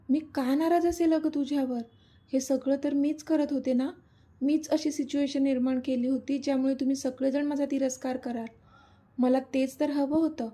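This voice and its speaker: A woman's voice: high-pitched, mellow, natural voice. A woman voicing an affectionate, teasing young mother, coaxing and playful, in a storybook reading.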